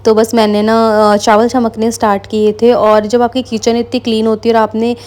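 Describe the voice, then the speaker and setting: A young woman talks casually to her viewers, mixing into her the way vloggers do. Her voice sits a little high but sounds soft and mellow rather than bright. She rambles comfortably through everyday stories. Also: flat delivery, normal speed. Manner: chatty, Hindi mixed with English words. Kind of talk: casual chat.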